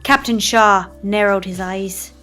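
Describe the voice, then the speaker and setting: A woman's voice: mid-range voice, soft background music. Woman narrating a pirate story. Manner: even, measured read-aloud delivery with pirate phrasing.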